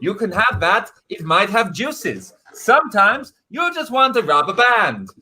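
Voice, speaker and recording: A man's voice: high voice, big pitch swings, measured pace, pushed and bright, full character voice. A man playing an eccentric foreign sous chef in broken English, presenting on a spoof shopping channel. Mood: proud, relishing.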